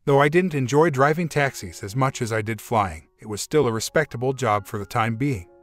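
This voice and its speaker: A man narrating a first-person relationship story in a steady, even storytelling manner. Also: mid-range voice, fairly quick. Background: faint music.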